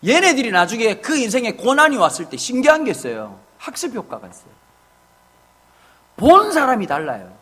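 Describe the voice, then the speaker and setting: Middle-aged pastor, husky, high and animated, preaching with playful family anecdotes. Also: male voice. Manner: humorous, animated storytelling with acted family quotes. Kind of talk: sermon. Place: church sanctuary.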